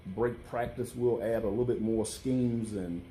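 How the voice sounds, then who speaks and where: A man answers like a football coach in an interview. His voice is very mellow and dark, set fairly low. He speaks haltingly, restating phrases, over a faint background noise. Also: fairly even intonation, low-quality recording. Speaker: college football head coach.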